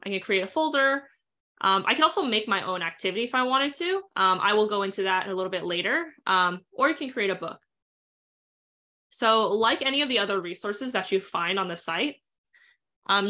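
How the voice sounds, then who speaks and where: Woman webinar instructor, bright tone, fast and casual with lots of filler words. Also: medium pitch. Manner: fast, chatty, lots of ums and uhs. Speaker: instructor leading a live webinar. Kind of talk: live software tutorial with screen share.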